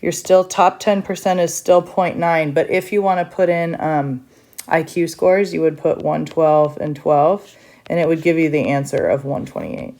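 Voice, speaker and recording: A woman's voice: low-pitched, normal speed, a little mellow. A woman teacher recording a step-by-step math lesson for her students, chatty, with frequent fillers.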